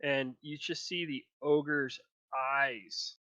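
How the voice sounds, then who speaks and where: A man narrating a tabletop game as dungeon master, drawing out the scene slowly. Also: mid-range voice, fairly even intonation, bright, forceful tone. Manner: slow, drawn-out scene narration. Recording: dry, slightly dull audio.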